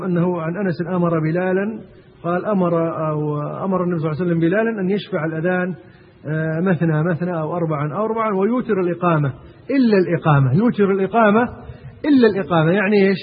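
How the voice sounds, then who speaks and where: Quick, husky-voiced man teaching a class. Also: sits high. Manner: asks the class questions, often pausing on "eesh?". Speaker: teacher of Islamic jurisprudence. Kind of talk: classroom lesson on a text. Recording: tinny phone-like recording, long hall reverb.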